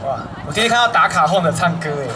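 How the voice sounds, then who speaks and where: A man's voice: a little high, expressive, rapid-fire, background noise. A young man with a Taiwanese accent, hosting a live event in a joking, chatty way. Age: young adult. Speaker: stage emcee. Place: outdoor evening festival stage. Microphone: handheld stage microphone. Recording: outdoor PA with music and crowd. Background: music and crowd.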